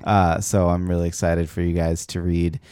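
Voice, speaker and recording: A man's voice: deep voice, flat delivery, normal speed, darkish tone, smooth, no room sound, studio quality. A man co-hosting a podcast, presenting a comic with teasing enthusiasm. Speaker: podcast co-host. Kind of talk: casual chat.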